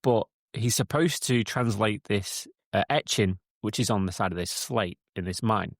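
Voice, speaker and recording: In clean studio sound with no room echo, a man with a lowish voice speaks at a normal pace as co-host of a casual podcast recorded in a woodland cabin. He retells a film's plot, restarting his sentences often.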